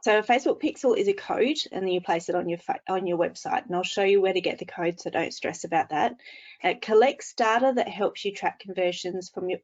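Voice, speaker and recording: A woman giving a brisk, casual presentation, heard through screen-recorded video call audio from a computer mic. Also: mid-range voice, darkish tone, highs cut off. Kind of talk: webinar presentation. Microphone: computer mic, no headphones.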